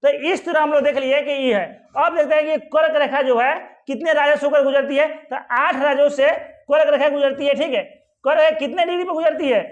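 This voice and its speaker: Brisk and steady, his very high-pitched voice comes through a muffled recording. The man leads an exam-prep geography class at a map, answering the questions he raises and repeatedly offering reassurance with "ठीक है" and "आराम से".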